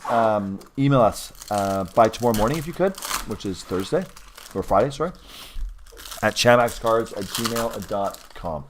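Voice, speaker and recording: A man hosts a live card-breaking stream at an ordinary pitch and talks casually. He rambles and corrects himself as he goes, with a faint hiss behind him. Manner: chatty, rambling, with frequent ums and self-corrections.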